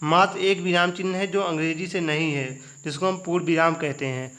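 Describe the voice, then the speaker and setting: Speaking a little fast, with fairly even intonation and a fairly bright, slightly high voice, a young male teacher runs through exam revision. His habit is to ask students check questions and answer them himself.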